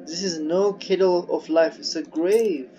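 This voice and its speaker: A man reading aloud the lines of a woman scientist exploring an alien ocean, slow and earnest, with halting restarts. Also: high voice, steady tone, mellow. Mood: somber. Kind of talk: reading game dialogue aloud. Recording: dull lo-fi audio with game music.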